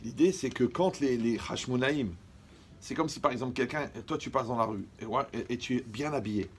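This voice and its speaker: A man from Morocco, a rabbi, giving a lively religious lecture full of jokes and often checking that his audience is following. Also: mid-range voice, fairly quick, slight background noise.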